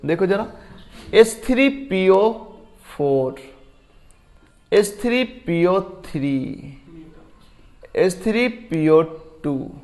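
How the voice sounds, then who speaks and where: High-voiced, unhurried male chemistry teacher. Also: big pitch swings, darkish tone. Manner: explains step by step, quizzing students and thinking aloud. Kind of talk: classroom lecture.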